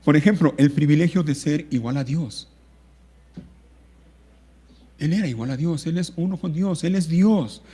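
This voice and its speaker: A man's voice: fairly high pitch, a little fast, mellow, slightly rough, big-room sound. A man preaching a sermon as pastor, speaking with emphatic repetition and drawing out key words. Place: church.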